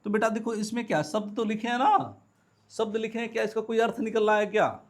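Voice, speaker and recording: A man with a high voice teaches a grammar lesson to his class. He keeps posing questions and answering them himself, and he repeats every key word so the students can follow. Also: flat delivery, fairly quick. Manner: calls students "beta". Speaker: English teacher. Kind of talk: classroom lecture.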